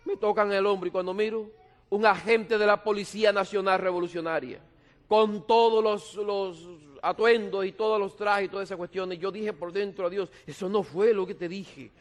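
A man's voice: high voice, fairly even intonation, moderate pace. A middle-aged man preaching a sermon, telling stories with humor and emphasis. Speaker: pastor. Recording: long reverb in a hall.

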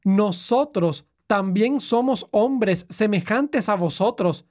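A woman reading aloud and voicing a male apostle who pleads earnestly with a crowd, in a slow, raised delivery. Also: lowish voice, darkish tone.

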